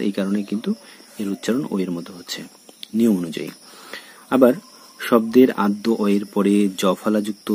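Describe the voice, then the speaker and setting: A man from Bangladesh, a college lecturer, giving a recorded lesson and speaking straight to his students, slowly explaining and repeating example words. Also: on the low side, a little mellow, slight background noise. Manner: addresses students directly.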